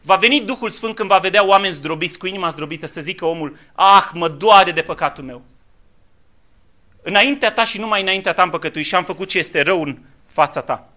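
A man preaching a fiery sermon in a church, swinging from quiet, low passages to loud, impassioned appeals.

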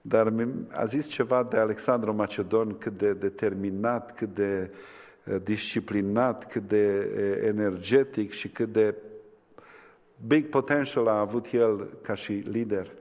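A man preaching a sermon, swinging between impassioned climaxes and hushed, quiet lines. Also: on the low side, steady tone. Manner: impassioned, rising to fervent climaxes then dropping to hushed tones. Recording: long hall reverb.

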